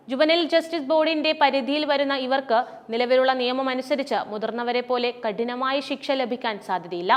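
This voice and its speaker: A woman narrates a news commentary in a formal, measured reading. Her voice sits high. The recording carries a long, hall-like reverb. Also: a bit bright.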